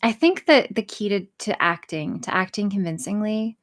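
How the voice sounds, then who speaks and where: This woman, a voice actress and audio creator, is an animated interview guest with a mid-range voice and moderate pace. She's frank and self-deprecating, swearing liberally as she chats.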